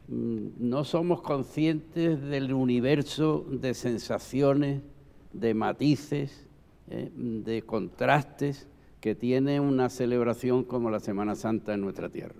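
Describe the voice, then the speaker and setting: An older man with a gravelly, darkish mid-range voice reminisces at a round-table talk, reflective and emphatic, often checking that others agree. He's a panel guest who once gave the Holy Week proclamation speech, and a long hall reverb surrounds his voice.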